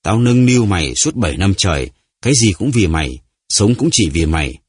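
A man voicing a hoarse, gasping old grandfather in an audiobook story, pleading and reproaching himself. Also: deep voice, lively intonation, moderate pace, no room sound. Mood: anguished. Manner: pleading, shouting, self-reproaching. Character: old grandfather, hoarse, bitter and guilt-ridden. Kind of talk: audiobook character voice.

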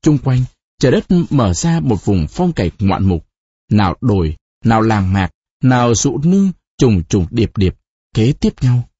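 Audiobook narrator, male, dramatic husky storyteller, close dry sound. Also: on the low side, big pitch swings, a little slow, mellow, no echo, muffled recording. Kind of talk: audiobook reading of a novel.

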